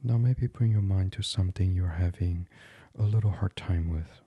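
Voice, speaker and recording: A man's voice: deep voice, breathy edge, no room sound, dull audio. A man leading a guided meditation in a soothing voice that often drops to a whisper. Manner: slow, soft and soothing, drifting into whispers.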